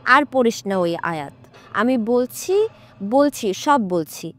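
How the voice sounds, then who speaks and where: A woman voicing an angry male jinn possessing a young man in a horror audiobook, shouting threats and later pleading tearfully. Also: a little high, animated, slow. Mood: furious. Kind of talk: audiobook character voice.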